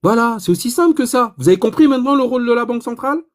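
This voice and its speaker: A man giving an informal economics lesson, animated and provocative, asking himself rhetorical questions. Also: very high-pitched, rapid-fire. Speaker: economics explainer.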